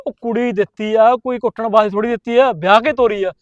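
An actor playing a hot-headed young village brother who blusters and threatens, speaking with a Punjabi accent. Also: male voice, high-pitched, steady tone, a little fast, no room sound, highs cut off, close to an everyday voice. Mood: angry. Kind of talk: village comedy film acting.

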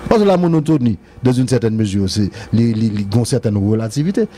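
A man's voice: medium pitch, lively intonation, brisk, mellow, a little hiss or hum. A man with a Haitian accent rambling through a casual radio-show debate about music, repeating his phrases and laughing often. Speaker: music commentator.

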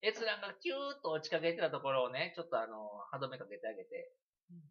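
A man with a Kansai accent, chatting and telling a story on a livestream in an animated, giggly way. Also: a little high, fast talker, dull audio. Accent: Kansai Japanese. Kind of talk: casual rambling storytelling.

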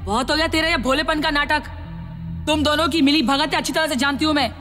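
A woman's voice: high-pitched, fairly even intonation, brisk, lightly acted. A woman playing a menacing woman gangster. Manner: menacing street slang. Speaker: film villain. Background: loud film score music.

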